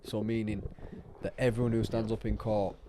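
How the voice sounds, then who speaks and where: A man's voice: fairly low pitch, little pitch movement, moderate pace, noisy background. A young man co-hosting a casual podcast chat, laughing and talking over his friends. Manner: laughs between lines, talks over others. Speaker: podcast co-host.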